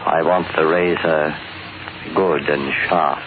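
A man playing a deferential, quietly controlled butler with formal, polite manners in an old-time radio drama. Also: very deep voice, steady tone, takes it slowly, exaggerated voice. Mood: polite, measured. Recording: tinny, noisy old radio recording.

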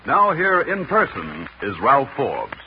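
A man's voice: medium pitch, huge pitch swings, takes it slowly, slight background noise. A man delivering scripted announcements as the announcer of an old-time radio show. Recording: dull old radio broadcast recording. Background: loud music.

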